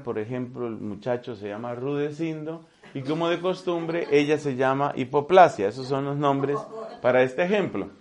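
A man from Colombia preaching a sermon in an animated, folksy way, repeating key phrases and slipping in humor. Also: fairly high pitch.

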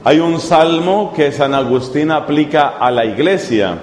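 Man preaching, measured slow delivery, repeats points for weight; roomy reverberant hall. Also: a little high, darkish tone, a little hiss or hum. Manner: deliberate, emphatic repetition. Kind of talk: sermon. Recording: echoey hall, long reverb.

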